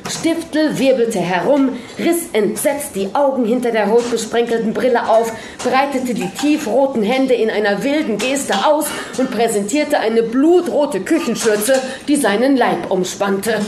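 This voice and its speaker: A woman's voice: fairly high pitch, lively intonation, measured pace, few pauses, roomy sound, background noise. Woman reading a story aloud dramatically. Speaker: narrator.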